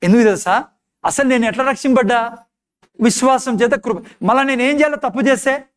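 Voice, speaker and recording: A man preaching a sermon as pastor, emphatic, firing off rhetorical questions. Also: a little fast. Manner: emphatic preaching, repeated rhetorical questions, acted quotes in low despairing tones.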